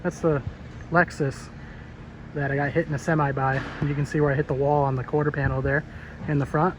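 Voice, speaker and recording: A man with a slightly high voice gives an off-the-cuff video tour of a car shop. He is blunt and offhand and swears freely. There is some background noise from the shop around him. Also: level tone, fairly quick. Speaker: car shop owner giving a walkaround tour. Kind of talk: casual unscripted video tour. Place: busy car workshop, walking among cars.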